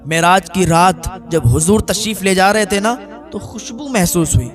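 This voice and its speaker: A man's voice: sits high, faint music behind. A male preacher in a sermon who tells a religious story dramatically and exhorts his listeners.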